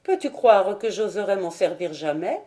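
A woman's voice: medium pitch, lively intonation, moderate pace, dark tone, lightly acted. A woman reading the lines of a playful, coaxing young fairy enchantress in an audiobook. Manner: coaxing, caressing tone.

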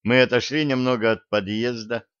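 A man reading a first-person audiobook in a wry, unhurried way. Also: medium pitch, fairly even intonation, fairly bright tone, clear, resonant tone, no echo. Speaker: audiobook narrator. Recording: dull, dry recording.

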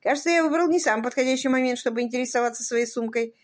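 A woman voicing a cool, cynical gentleman motorist with a dry, ironic manner in a read-aloud story. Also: on the high side, very fast, pitched above the performer's own voice, lightly acted.

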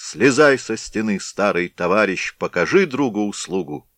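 A proud, fierce Cossack warrior speaks sternly and loudly, as a man acts him out. His deep, low voice carries commanding force and sounds dry and close. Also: animated, slow pace, no echo, heavily acted. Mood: defiant.

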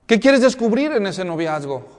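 A high-pitched man preaches at a church conference, chatty and quick with rhetorical questions. His voice rings through a big auditorium with a long reverb tail. He sounds like a pastor talking straight to the parents in the room. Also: sing-song. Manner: conversational, full of rhetorical questions and humorous anecdotes. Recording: long reverb of a large hall.

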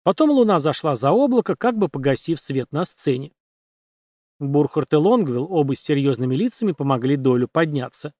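A man reading a novel aloud in measured, even storytelling narration. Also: a little high, dry recording, studio quality. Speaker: audiobook narrator. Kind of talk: scripted narration.

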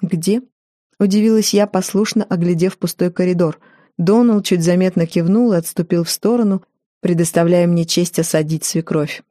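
A woman narrating a first-person audiobook in a wry, lively storytelling manner. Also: lowish voice, moderate pace, dry recording, studio quality.

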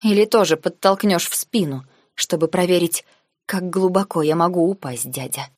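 A woman's voice: lowish voice, normal speed, dry recording, studio quality, close to an everyday voice. A woman reading the lines of a distraught young noblewoman arguing with her uncle in an audiobook. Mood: upset, shouting. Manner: pleading, then shouting in anger. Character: angry, hurt young noblewoman heroine.

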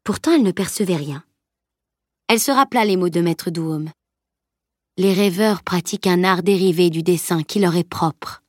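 A woman narrating an audiobook in a measured, even storytelling voice. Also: fairly low pitch, no room sound, clean studio sound.

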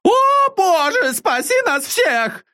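A man doing a shrill devoted old maidservant. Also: big pitch swings, takes it slowly, bright, forceful tone, heavily acted. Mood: scolding. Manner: pious exclamations, chatty. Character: devoted old female servant, blunt and folksy. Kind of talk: audiobook reading.

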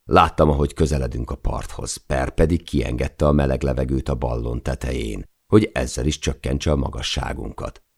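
A man narrates an audiobook in the first person, measured and steady. His voice sits extremely low with a gravelly edge. The reading is calm and deliberate throughout.

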